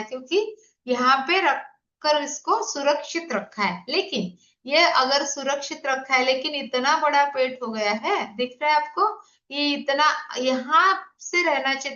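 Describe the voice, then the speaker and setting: A woman's voice: high voice, a bit bright. A woman, a health coach explaining slides in an online presentation and putting questions to her audience. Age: 50s. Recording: echoey, dull lo-fi room sound.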